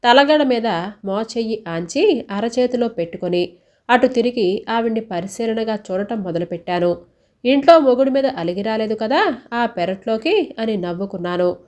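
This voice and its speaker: A woman narrating a first-person short story in a measured, expressive reading style. Her voice sits a little high. She paces the scenes steadily, lingering on descriptive passages.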